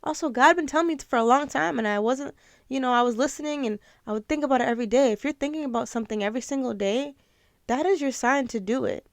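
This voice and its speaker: Quick and high-voiced, a young woman hosting her own podcast gives an earnest, emotional, casual motivational talk, nearly in tears at times. There is no room sound.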